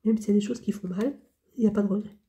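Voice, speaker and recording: A woman's voice: mid-range voice, fairly even intonation, very fast, warm tone. A woman vlogger chatting candidly and rambling as she answers tag questions, often repeating herself. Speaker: hobby vlogger.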